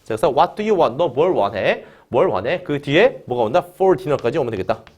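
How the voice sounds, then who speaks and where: A man teaching an English grammar lesson in Korean, opening nearly every phrase with "자" and drilling students with quick questions they answer back. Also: medium pitch, big pitch swings, a little mellow. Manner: drills students, has them repeat after him.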